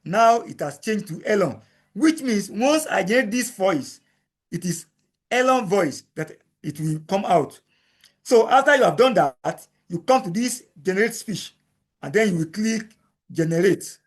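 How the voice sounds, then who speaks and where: A man teaching a software tutorial, repeating each step in plain explanatory talk. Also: sits high, animated, a little slow, husky. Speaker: instructor. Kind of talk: screen-recording software tutorial.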